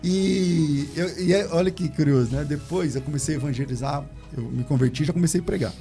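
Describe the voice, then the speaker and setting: A man, a pastor, telling his conversion story in casual chat, animated and laughing as he acts out the voices of others. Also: a little high, brisk, soft background music.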